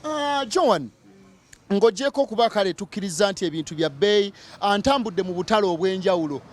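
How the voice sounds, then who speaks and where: Male TV field host, Ugandan accent, very high register, playful, exclamatory interviewing style. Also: animated, a little fast. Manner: exclamatory, playful, repeats words for emphasis. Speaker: TV market reporter and host. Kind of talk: animated on-location interviewing. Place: busy community market.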